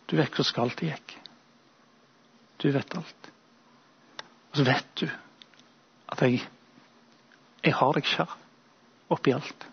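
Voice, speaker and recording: A man voicing the apostle Peter as a quiet, halting, murmuring man full of remorse, in a sermon retelling. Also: medium pitch, gravelly, slightly rough, highs cut off. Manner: faltering, stammering, murmured.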